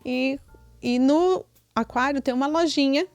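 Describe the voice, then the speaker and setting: A woman's voice: sits high, a little slow, no echo, soft background music. Chatty Brazilian mother telling a story. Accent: Brazilian Portuguese. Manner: chatty, many tag questions. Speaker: podcast co-host, mother. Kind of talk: casual storytelling chat.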